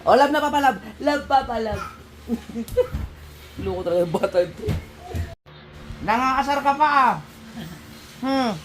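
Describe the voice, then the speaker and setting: A man's voice: extremely high pitch, expressive, unhurried, long pauses, a little hiss or hum. A man vlogging at home, playfully teasing and coaxing his toddler. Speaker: vlogger and father. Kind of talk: casual family vlog.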